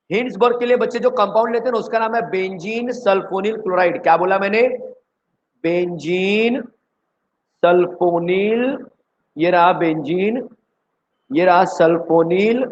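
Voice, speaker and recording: A man from India teaching chemistry in an energetic online exam-prep lecture, who keeps quizzing his students. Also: high-pitched, fairly quick, dull audio.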